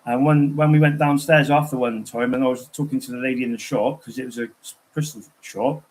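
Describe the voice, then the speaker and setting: A man's voice: mid-range voice, fairly even intonation, brisk, darkish tone, rough recording. A man chatting casually on a livestream, telling rambling, digressive stories.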